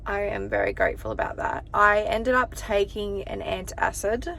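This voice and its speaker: A woman's voice: medium pitch, sing-song, normal speed, fairly bright tone, slight background noise. A young pregnant woman with an Australian accent, chatting casually through a day-in-the-life vlog with ums and small laughs. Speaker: vlogger.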